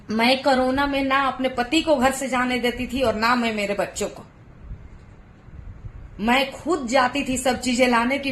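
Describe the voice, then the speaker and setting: A woman's voice: on the high side, a little hiss or hum. A woman in her thirties, a mother vlogging from home, talking earnestly and emotionally as she pleads with other parents. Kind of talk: heartfelt personal vlog advice. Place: home, Gujarat.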